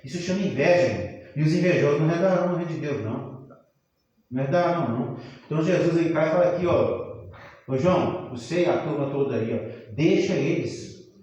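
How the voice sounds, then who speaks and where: A Brazilian man preaching a teaching sermon, talking with the congregation in a conversational way, asking them questions and sometimes rising to a shout. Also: on the high side, a little fast, highs cut off. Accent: Brazilian Portuguese. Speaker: pastor. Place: church hall. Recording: very echoey church room.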